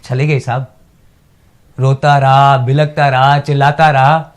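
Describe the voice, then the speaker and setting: A man's voice: medium pitch, level tone, slow, close to an everyday voice. A man playing a wistful orphaned villager. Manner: wistful and pleading, keeps addressing "sahib". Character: orphaned village man telling his sahib of his lost childhood. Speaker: actor in a monologue contest. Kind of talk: stage monologue.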